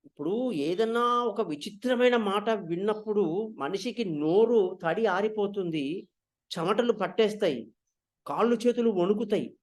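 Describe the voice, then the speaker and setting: A man retelling an epic story in an animated way, acting out the dialogue. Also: high voice, measured pace.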